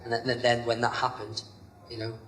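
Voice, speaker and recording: A young pro wrestler, a man with a mid-range voice, rambles at a fairly quick pace as an interview guest, full of "you know" fillers and describing himself as monotone. The chat is casual, and the recording sounds roomy with a little hiss or hum.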